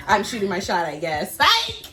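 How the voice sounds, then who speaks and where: A woman co-hosting a casual podcast, blunt and profane, laughing through her sentences. Her pitch swings up and down with animated energy. Faint music plays quietly beneath her. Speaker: podcast co-host. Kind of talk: casual chat.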